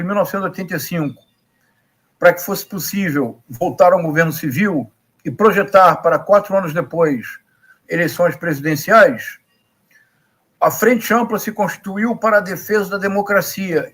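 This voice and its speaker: A man's voice: sits high, moderate pace, a bit bright, slightly rough. A middle-aged man with a Rio de Janeiro Brazilian accent gives live political commentary in an emphatic, didactic way, leaning on repetition and rhetorical questions. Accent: Rio de Janeiro Brazilian Portuguese.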